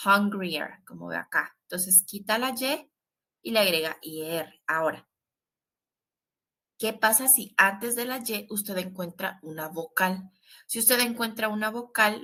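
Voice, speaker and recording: A woman's voice: mid-range voice, sharp tone. A woman teaching an English grammar lesson, patient and repetitive, often checking in with listeners as she explains each rule. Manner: patient, repetitive, stresses warnings with frequent "¿sí?" check-ins.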